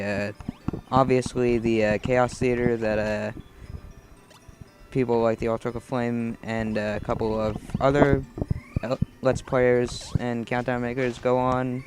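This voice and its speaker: A man giving casual let's play commentary over gameplay, rambling through tangents and game trivia, with sudden excited outbursts at the screen. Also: mid-range voice. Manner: bursts of excited shouting at the game.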